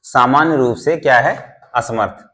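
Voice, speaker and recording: A man's voice: medium pitch, a little slow, sharp tone. A man teaching English vocabulary in Hindi, repeating each word, spelling it letter by letter and quizzing his students. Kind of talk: Hindi-language classroom lesson.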